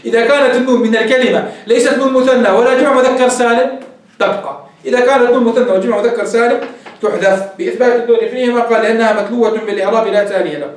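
Guy teaching grammar fast, high voice, reads the text then breaks it down, sounds far off in a big echoey room. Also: steady tone. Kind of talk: recorded lecture. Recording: echoey room, distant mic.

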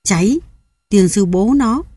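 A woman's voice: mid-range voice, expressive, slow pace, mellow, slightly rough, dry recording. A woman reading a story aloud, voicing a desperate grieving man who wails and curses bitterly. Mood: bitter scorn. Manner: wailing, then scornful cursing.

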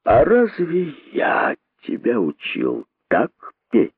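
A man's voice: mid-range voice, wildly swooping pitch, slow, creaky, slightly rough, no echo, voice pushed up, heavily acted. A man voicing a gloomy, pompous male rabbit king who speaks sternly and accusingly, with theatrical emphasis. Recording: dry, narrow phone-like sound.

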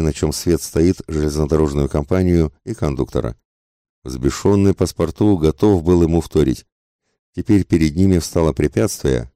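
A man reading an audiobook in a measured, even way. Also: very deep voice, dry recording, studio quality. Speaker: audiobook narrator. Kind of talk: audiobook narration.

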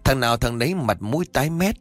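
Expressive male horror storyteller. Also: mid-range voice, quick pace, no echo. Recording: faint background music.

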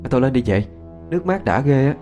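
A man voicing a lively young village girl who teases and scolds her friend. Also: medium pitch, soft background music, voice pushed up, lightly acted. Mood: teasing. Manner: teasing, quick, scolding.

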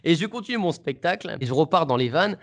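A man's voice: fairly high pitch, animated, quick pace. A man, a comedian guest, casually telling an anecdote in an interview, hesitant and full of restarts. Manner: hesitant, many restarts and fillers.

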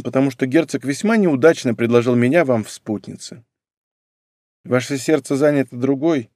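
A man voicing a shy, gentle young court lady in an audiobook, speaking softly with sighs. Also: fairly high pitch, no echo, clean studio sound, voice pushed up.

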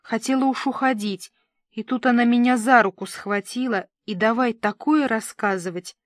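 A woman's voice: fairly high pitch, moderate pace, dry recording, lightly acted. A woman reading the lines of a worried, weary middle-aged neighbor who talks in a gloomy, matter-of-fact way.

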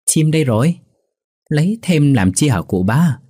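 A man voicing a cheeky, quick-witted young peasant in a folk storybook tale, teasing and mocking. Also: on the low side, very animated, a little mellow, husky.

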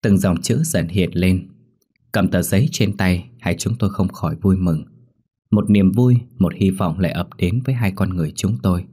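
Deep dark-voiced male horror narrator. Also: husky. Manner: steady, measured storytelling.

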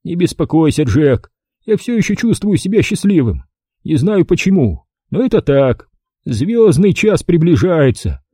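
A hopeful, reassuring father with an easy, upbeat lift, put on by a man reading an audiobook. The tone is dark and mellow with a husky edge. The sound is dry and close. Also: on the high side, big pitch swings, unhurried, dry recording, voice pushed up, heavily acted. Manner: cheerful and reassuring.

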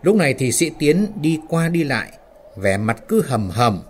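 A man reading a ghost story aloud in a steady, measured way. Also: medium pitch, slight background noise. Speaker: narrator.

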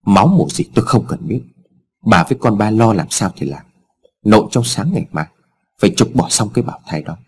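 A man's voice: lowish voice, animated, a little fast, close to an everyday voice. A man voicing a stern, scheming wealthy father who talks in curt, scornful commands, in a storybook reading. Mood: harsh.

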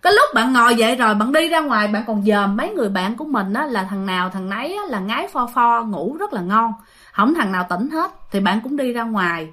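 Bright-voiced Southern Vietnamese woman storyteller. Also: a little high, lively intonation, brisk. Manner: chatty, addresses listeners directly with many fillers. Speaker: ghost story narrator. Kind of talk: casual storytelling to listeners.

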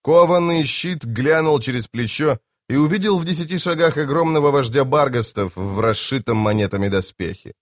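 A man narrating a fantasy audiobook in a dramatic, expressive way. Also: medium pitch, moderate pace, few pauses, no room sound, clean studio sound. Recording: home-made audiobook.

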